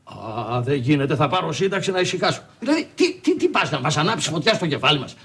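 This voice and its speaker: An actor playing a cautious, grumbling colleague who complains in an exasperated way in a TV series. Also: male voice, on the high side, big pitch swings, fairly bright tone. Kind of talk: TV series acting.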